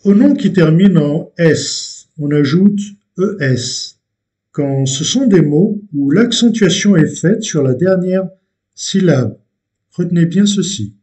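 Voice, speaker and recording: Slow, mellow-voiced man teaching a language. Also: on the high side, lively intonation. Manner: slow, deliberate, with frequent hesitations and repeated words. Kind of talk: language lesson explanation.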